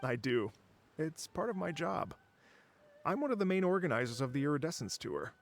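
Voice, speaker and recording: A man voicing a polite, dreamy wandering musician in a video game, who speaks in a gentle, courteous and wistful way. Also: fairly high pitch, sing-song, normal speed. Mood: storytelling.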